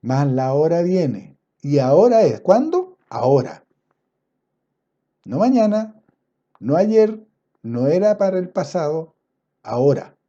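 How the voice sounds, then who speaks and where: Man, preacher, sermon, loud emphatic bursts and quiet asides, dull lo-fi recording. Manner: swings between loud emphatic passages and low quiet asides; quotes scripture in a slow, drawn-out cadence.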